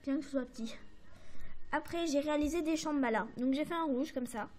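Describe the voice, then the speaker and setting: High-voiced French woman chatting about crafts. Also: fairly quick, darkish tone, slight background noise. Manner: chatty, hesitant, many fillers and apologies. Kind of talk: casual show-and-tell to camera.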